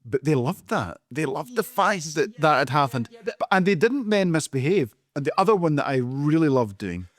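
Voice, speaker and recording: A Scottish man co-hosting a podcast, a former teacher, tells loud, jovial stories about pranks from his classroom days. His slightly high voice has a sing-song lilt and moves at a normal speed in this casual chat.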